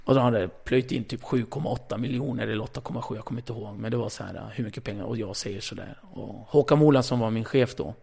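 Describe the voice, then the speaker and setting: A man, a former radio host, tells a story in a casual interview, blunt and lively, swearing freely and acting out the conversations. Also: lowish voice, creaky, few pauses, slightly rough.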